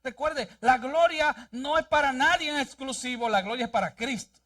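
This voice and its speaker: A man's voice: very high voice, moderate pace, fairly bright tone, recorded from a distance. A male pastor preaching a sermon and reading scripture aloud in a church, with an emphatic delivery. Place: church sanctuary.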